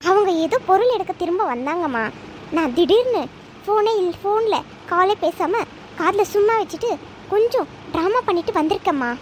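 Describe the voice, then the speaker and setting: A woman's voice: very high voice, expressive, normal speed, a little hiss or hum. A woman voicing a spoiled young married daughter in a cartoon, whiny and complaining. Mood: sly. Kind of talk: cartoon voice acting.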